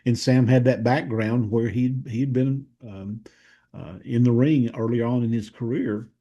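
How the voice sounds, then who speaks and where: Mellow Southern man, husky voice. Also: medium pitch, steady tone, dull audio. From Tennessee. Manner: thoughtful, detailed recollection, pauses to search for words. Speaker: wrestling historian guest. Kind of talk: conversational podcast interview.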